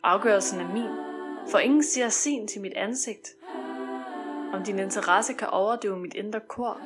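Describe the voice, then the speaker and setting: Female poetry reader, mid-range pitch, hushed and brooding, over a music track. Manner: intimate, brooding recitation rising to anguished shouts.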